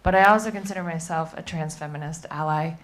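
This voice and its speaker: Audience member, woman, low-pitched, nervous and shaky. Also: fast. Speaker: audience member asking a question. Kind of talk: audience question at a panel. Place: museum event room.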